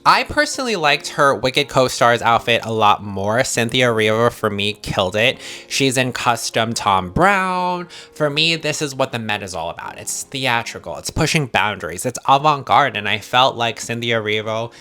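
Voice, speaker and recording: A man's voice: mid-range voice, animated, moderate pace, hardly any pauses, sharp tone. A sassy, gushing man giving casual, opinionated fashion commentary with emphatic drag-queen-like slang, as the host of a review show.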